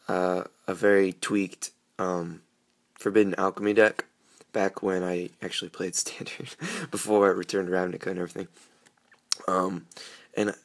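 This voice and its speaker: A young man talks through an unboxing in a rambling, casual way, full of ums and restarts. His voice sits very low, and the cold he has leaves it grating and gravelly. It sounds like a camera mic in a room at home. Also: a bit bright. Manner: rambling, filler-heavy. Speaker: card game vlogger.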